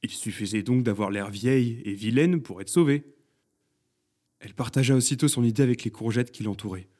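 A man reading a children's story aloud, with expressive, dramatic narration. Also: mid-range voice, brisk.

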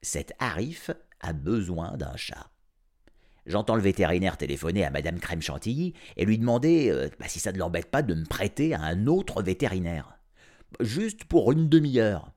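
Guy reading a kids audiobook, deep-ish voice, swoops around a lot, dry sarcastic cat narrator. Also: normal speed. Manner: sardonic, animated first-person cat narration. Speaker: storyteller.

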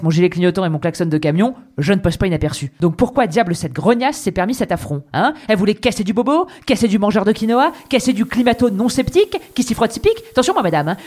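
Young woman, scripted comic monologue, wry and animated, big swings in volume. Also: mid-range voice. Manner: wry, theatrical, swinging between loud and hushed. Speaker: podcast host.

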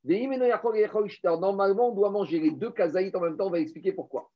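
A man with a high voice and moderate pace leads a Torah lesson in French laced with Hebrew terms. He explains step by step in a lively way, asks rhetorical questions, and speaks to his listeners as "Rabotai," all captured on a dull lo-fi recording.

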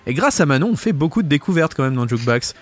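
Lively, playful male radio host. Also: a little high, fast, no room sound. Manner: playful, teasing, animated. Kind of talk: casual radio chat. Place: radio studio.

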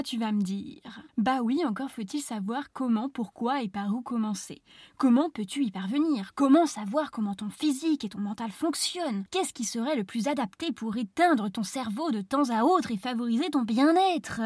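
A woman's voice: a little high, darkish tone, dry recording, clean studio sound. A woman hosting a meditation series, narrating in a playful, slangy, theatrical way with mock-dramatic emphasis. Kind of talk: scripted, humorous narration to the listener.

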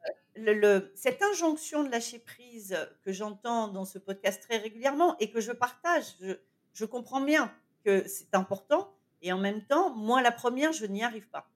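A woman's voice: fairly high pitch, lively intonation, normal speed. A woman hosting a podcast, asking questions with hesitant restarts and repeated words. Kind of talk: casual podcast conversation.

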